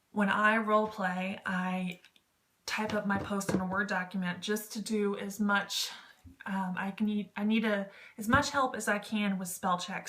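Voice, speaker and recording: A woman YouTube vlogger offers informal advice on online text roleplay, rambling a bit and sounding slightly self-conscious. Her mid-range voice is a little bright.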